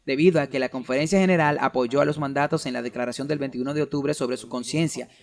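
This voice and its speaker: Delivering a talk like a sermon, a preacher argues his case earnestly and reads out quoted documents along the way. His medium-pitched voice is creaky, fast and steady in tone.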